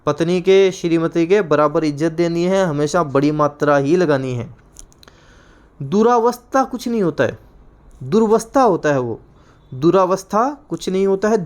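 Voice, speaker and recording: A man teaching an exam-prep grammar class, repeating words over and over and giving frequent reminders. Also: fairly high pitch. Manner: repetitive, drilling words again and again.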